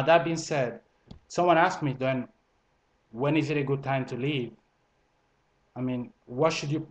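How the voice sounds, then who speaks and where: A man's voice: mid-range voice, low-quality recording. A man raised in Italy who speaks English with a multilingual accent that mixes in Italian and French, giving casual relationship advice to camera with lots of fillers and restarts. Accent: multilingual, Italian and French mixed into English. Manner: conversational, frequent fillers and restarts. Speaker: vlogger.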